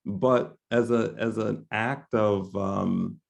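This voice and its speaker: Gravelly low-voiced man with a searching, halting delivery. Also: steady tone. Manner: searching, halting, many restarts. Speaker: panel moderator. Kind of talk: panel discussion on a video call.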